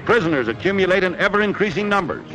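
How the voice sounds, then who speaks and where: A man's voice: sits high, big pitch swings, fast talker, dull audio, very noisy. A man narrating an old 1940s wartime newsreel in a dramatic, emphatic announcing manner. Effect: old wartime newsreel sound. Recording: narration over loud orchestral music.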